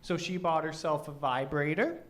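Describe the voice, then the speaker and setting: Young male stand-up, high-ish voice, thick mushy diction, brash and crude crowd work. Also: normal speed. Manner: brash, profane, teasing the crowd. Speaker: stand-up comedian; teacher. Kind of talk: open mic stand-up. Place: small comedy studio stage.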